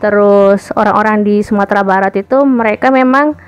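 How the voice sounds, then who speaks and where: A woman from Indonesia chatting casually to camera as a vlogger, addressing viewers as guys and filling pauses with little hesitations. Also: mid-range voice, clean tone, no room sound, highs cut off, faint music behind. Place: home in Morocco.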